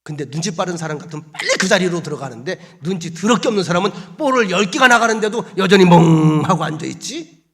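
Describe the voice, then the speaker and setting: A male pastor gives a Sunday sermon in a church. His high, bright voice swings widely between hushed and forceful. He builds his points through strings of rhetorical questions and emphatic repetition. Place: church sanctuary.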